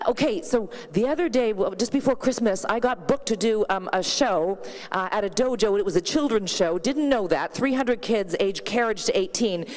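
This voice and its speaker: A Canadian woman doing a brash, quick-fire stand-up comedy set on an arena stage, always tossing in "right?". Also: fairly high pitch, darkish tone. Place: large arena stage before a packed audience.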